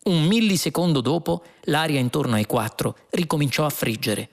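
Expressive male audiobook narrator. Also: a little high, normal speed.

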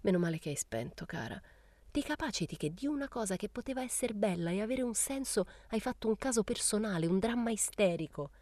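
A woman's voice: medium pitch, lively intonation, brisk, darkish tone, no room sound, pitched above the performer's own voice, close to an everyday voice. A woman voicing a restless young woman in a storybook reading, plaintive and needling. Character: sharp, restless young woman, teasing and bored.

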